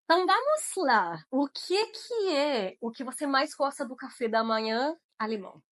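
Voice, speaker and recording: A woman's voice: high voice, big pitch swings, normal speed, fairly bright tone. A woman from Chile with a Chilean Spanish accent, chatting casually as a teacher co-hosting an educational channel. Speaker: German teacher and channel co-host.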